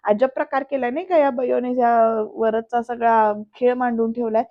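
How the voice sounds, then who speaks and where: A woman's voice: on the high side, fairly even intonation, normal speed. A woman recording a voice-over recap of a TV serial, retelling each scene step by step and speaking straight to her viewers. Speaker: TV serial reviewer. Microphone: voice-over, not recorded in the pictured place. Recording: dull lo-fi voice-over.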